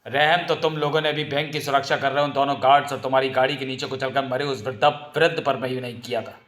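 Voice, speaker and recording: A man voicing a grim, merciless vigilante, speaking in low, slow threats. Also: fairly even intonation, fairly bright tone, natural voice. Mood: menacing. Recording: roomy echo.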